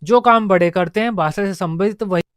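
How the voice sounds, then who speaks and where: Guy teaching an exam prep class, high clear voice, dry close mic, goes over stuff again and again. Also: fairly quick, a bit bright, dry recording. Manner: explains step by step, repeats key points.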